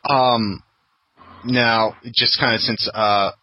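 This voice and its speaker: A man's voice: mid-range voice, steady tone, takes it slowly, sharp tone, rough recording. A man hosting a casual podcast chat, talking loosely and laughing often. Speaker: podcast host.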